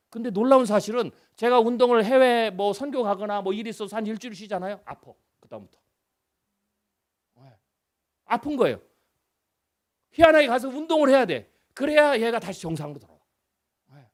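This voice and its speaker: A man in his fifties preaching a revival sermon as a guest pastor, chatty and full of rhetorical questions, moving between loud emphasis and hushed lines. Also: high voice.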